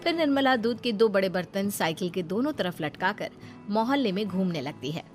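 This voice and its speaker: A woman's voice: medium pitch, expressive, a little fast, music in the background. A woman reading scripted story narration.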